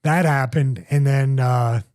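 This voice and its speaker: This middle-aged man, a former wrestler, hosts a casual podcast in a mid-range, darkish voice. He speaks slowly with fairly even intonation, telling long, rambling stories full of restarts and repeats.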